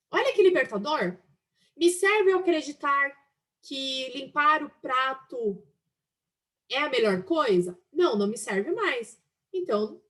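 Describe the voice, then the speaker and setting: A woman teaching a class on a self-help book, acting out inner voices in an expressive, lively way. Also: sits high.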